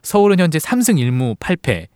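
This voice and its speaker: A male sports reporter explaining football league news to a host in a clear, explanatory manner. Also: fairly high pitch, sing-song, brisk, a little mellow, no echo, studio quality.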